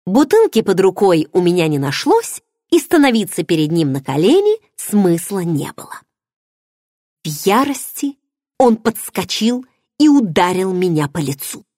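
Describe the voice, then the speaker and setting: Expressive woman narrating an audiobook. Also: on the low side, measured pace, no room sound, studio quality. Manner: expressive, dramatic storytelling. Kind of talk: first-person audiobook narration.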